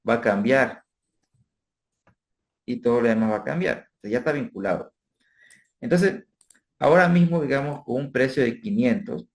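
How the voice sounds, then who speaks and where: Male instructor, mid pitch, patient explanatory delivery with frequent check-in questions; screen-recorded finance lesson. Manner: explanatory, addresses students as friends, frequent tag questions. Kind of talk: spreadsheet tutorial lecture.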